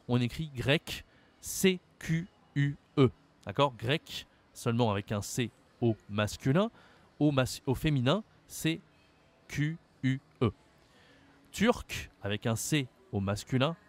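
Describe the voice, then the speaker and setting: A man from France, medium in pitch, teaches French by carefully over-enunciating example words at a slow pace while talking straight to the learner.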